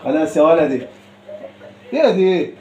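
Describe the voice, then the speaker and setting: A man's voice: on the high side, sing-song, moderate pace, echoey room, very noisy. A man, chatting with and teasing his small son, scolding playfully and laughing often. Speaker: father.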